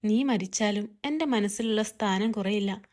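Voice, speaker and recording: A woman voicing a young husband in a read-aloud family story, in a soft, plain voice. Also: mid-range voice, moderate pace, natural voice. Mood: tender. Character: young husband, loving then distant.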